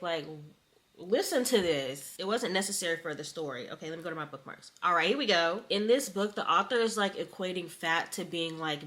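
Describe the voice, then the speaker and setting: A woman vlogging casually about her reading at home, chatty and animated as she talks straight to her viewers. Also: on the low side. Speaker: book vlogger. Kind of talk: casual vlog chat. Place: indoors at home.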